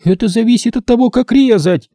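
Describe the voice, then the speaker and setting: Shrill gloating female killer, voiced by a man. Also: a little fast, mellow, no echo, studio quality. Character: sadistic young female kidnapper, gloating fanatic. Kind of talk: audiobook character voice.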